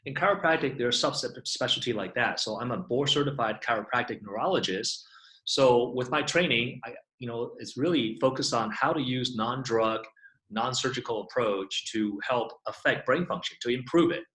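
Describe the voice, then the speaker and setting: In a casual online Q&A interview, a guest chiropractor, a middle-aged man from Taiwan, talks about his work, peppering it with "you know". His mid-range voice is fairly bright and moderately paced. Roomy sound and poor audio.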